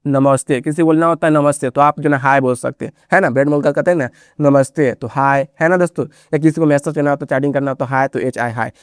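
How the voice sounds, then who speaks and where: A man's voice: on the high side, fairly even intonation, quick pace, hardly any pauses, clear, resonant tone, dry recording, clean studio sound. A man teaching English reading in Hindi, drilling each word with repeated questions and constant filler phrases. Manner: repetitive, drills words with rhetorical questions. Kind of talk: Hindi phonics lesson for beginners.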